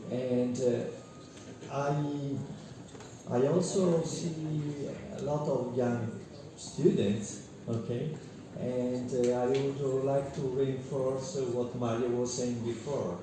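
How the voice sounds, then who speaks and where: A man's voice: mid-range voice, fairly even intonation, slow pace. A man gives hesitant, formal opening remarks at a conference, with frequent fillers and restarts. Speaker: invited conference speaker. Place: large echoey conference hall. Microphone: distant from the microphone. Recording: echoey hall from far off, background noise.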